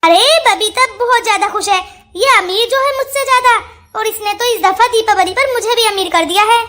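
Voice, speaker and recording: A high-voiced performer doing a gift-hungry cartoon sister-in-law. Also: moderate pace, sharp tone. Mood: wheedling. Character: proud elder sister-in-law, gift-hungry then repentant. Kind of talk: cartoon voice acting.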